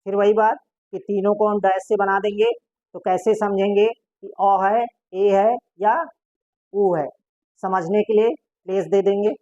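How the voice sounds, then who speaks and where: A woman teaches a classroom-style lesson at a middle pitch. She keeps asking her class questions and answering them herself. The recording is dry and close, with a dull, lo-fi tone. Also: steady tone, unhurried, mellow, dry recording. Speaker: shorthand teacher.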